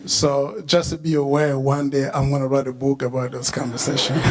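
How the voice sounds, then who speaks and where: A young man from the Congo, not a native English speaker, giving a halting personal remembrance at a memorial service with many fillers. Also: mid-range voice, little pitch movement, background noise. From Democratic Republic of the Congo.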